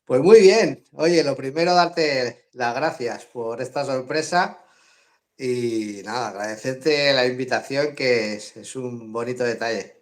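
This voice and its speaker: An unhurried, mid-range male voice belongs to a middle-aged man from Madrid, Spain, who speaks with a Spanish accent. He's a drone hobbyist appearing as a guest in a casual live-stream interview over video call, chatting easily and laughing often.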